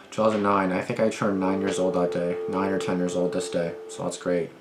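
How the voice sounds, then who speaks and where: A man's voice: deep voice, little pitch movement, normal speed, reverberant. A young man hosting a reaction video, talking in a casual, jumpy way and swearing often. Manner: jumpy and nervous, swears freely. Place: dim room at night.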